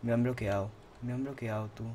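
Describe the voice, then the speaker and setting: A man with a Spain Spanish accent giving horror let's-play commentary, repeating himself and yelling and swearing at the game. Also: mid-range voice, fairly even intonation, fairly quick, a little hiss or hum. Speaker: gaming channel host.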